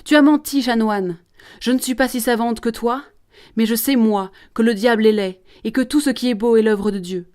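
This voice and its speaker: A woman's voice: mid-range voice, moderate pace, pauses often, dark tone, lightly acted. A woman voicing an earnest, devout young peasant girl in a read-aloud play. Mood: indignant. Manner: earnest, pleading.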